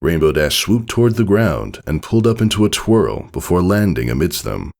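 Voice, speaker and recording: Reading fan fiction aloud at normal speed, this man uses a low, gravelly voice whose wide pitch swings make the scripted text sound like a lively storyteller's tale.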